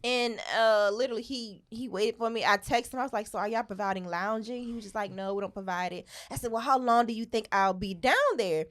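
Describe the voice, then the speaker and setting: Woman, slightly high voice, casual storytelling, animated. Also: fairly quick, hardly any pauses. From Virginia. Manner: animated, acts out quoted dialogue. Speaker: podcast guest.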